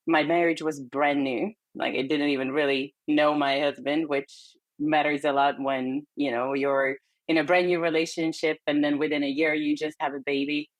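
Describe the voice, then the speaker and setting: Appearing as a podcast guest in a conversational interview, a middle-aged perinatal therapist from Hungary talks frankly and earnestly with a Hungarian accent, slipping light laughs between phrases. Her voice is deep, and the recording has no echo.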